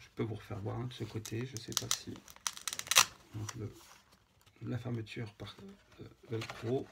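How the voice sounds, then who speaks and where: Male crafter, creaky voice, halting friendly show-and-tell, noisy background. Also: mid-range voice. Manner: hesitant, many fillers, chatty asides to viewers. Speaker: scrapbooking vlogger.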